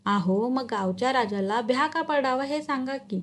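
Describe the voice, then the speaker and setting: A woman's voice: high voice, lively intonation, normal speed, a little hiss or hum. A woman reading a story, voicing a brash, scheming village man who talks bluntly in rustic dialect. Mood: blunt, pushy. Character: brash scheming rural male crony, loud.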